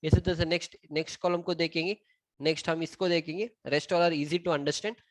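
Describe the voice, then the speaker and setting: A man's voice: on the high side, fairly even intonation, moderate pace, dry recording. A man with an Indian accent teaching civil engineering drawings. He switches between Hindi and English and counts items aloud as he points them out. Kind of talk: screen-recorded drawing tutorial.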